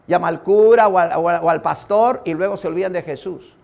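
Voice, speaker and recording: A man's voice: high voice, a little fast, gravelly, a little mellow. A man preaching a sermon, telling a personal story and addressing his listeners as brother.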